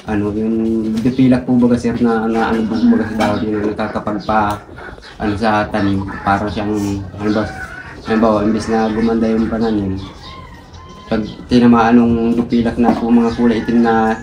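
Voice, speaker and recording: Hesitant older man, low voice. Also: completely flat delivery, noisy background. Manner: hesitant, halting, many fillers, soft-spoken. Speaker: father interviewed on a visit. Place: outdoors at his home. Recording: outdoor ambience with birds.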